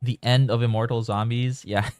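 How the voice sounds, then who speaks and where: A man's voice: mid-range voice, little pitch movement, normal speed, a little mellow, dry recording, clean studio sound. A man from the Philippines giving casual, rambling commentary while live-streaming a game. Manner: chatty, rambling, thinking aloud.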